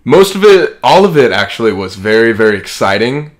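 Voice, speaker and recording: This podcast co-host is an American man in his early twenties from Kansas, speaking with a medium-pitched, sing-song voice at a fairly quick clip. He reflects casually and rambles informally, leaning heavily on the word "like."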